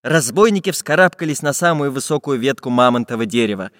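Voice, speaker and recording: A man narrating a children's fairy tale audiobook in a lively storytelling manner. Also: medium pitch, quick pace, no echo, clean studio sound, big-room sound.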